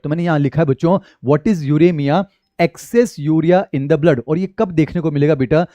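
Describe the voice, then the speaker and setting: A man's voice: fairly high pitch, warm tone, no room sound, lo-fi sound. A man teaching biology in an exam-prep lecture with an Indian accent, often calling his students children and mixing Hindi with English terms.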